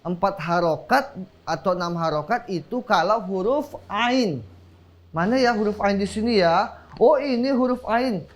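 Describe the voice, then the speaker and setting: A man's voice: sits high, lively intonation, normal speed. Encouraging man teaching children. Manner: encouraging, quizzing, exclaiming praise often. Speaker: Quran teacher on a children's TV show. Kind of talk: teaching children with call-and-response. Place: TV studio.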